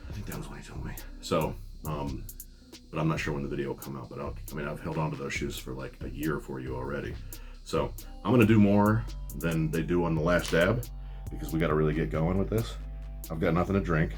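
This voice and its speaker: A man's voice: extremely low pitch, fairly quick, soft background music. A man reviewing sneakers in a chatty, rambling vlog, often restarting his sentences. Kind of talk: casual vlog talk.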